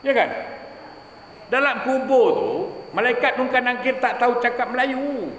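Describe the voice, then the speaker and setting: Male preacher, high voice, animated storyteller who acts out his characters, recorded in a big echoing hall. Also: normal speed. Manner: storytelling, acting out quoted voices. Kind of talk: humorous mosque sermon. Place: mosque hall. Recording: echoey mosque hall, faint ambience.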